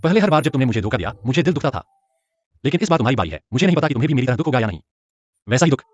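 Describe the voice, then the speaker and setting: A man dubbing a young man in a short drama, accusing his partner in an emotional, rapid-fire way. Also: medium pitch, big pitch swings, a little mellow, no echo, highs cut off. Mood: bitter. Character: hurt young man confronting a cheating partner. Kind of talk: dubbed short drama acting.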